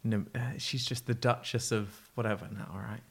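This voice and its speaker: A man's voice: on the low side, fairly even intonation, moderate pace, vocal fry, breathy edge. Opinionated man in casual chat. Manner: opinionated, trailing off and repeating words. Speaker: podcast host.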